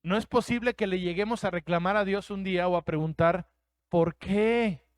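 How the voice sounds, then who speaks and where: A man's voice: sits high, a little fast, dry recording, clean studio sound. A man with a Mexican Spanish accent preaching a sermon as pastor, emphatic, acting out quoted voices.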